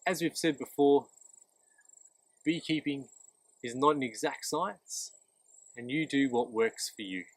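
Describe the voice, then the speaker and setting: A man's voice: medium pitch, unhurried, long pauses, dry recording, rough recording. A man instructing in a practical, plain-spoken way, explaining a hands-on demonstration step by step while outdoors. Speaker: beekeeping instructor. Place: outdoors beside beehives.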